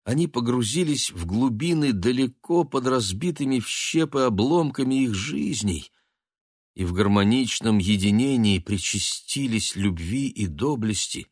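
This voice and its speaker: A man reading literary prose as an audiobook narrator, measured and steady. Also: mid-range voice, no room sound, studio quality.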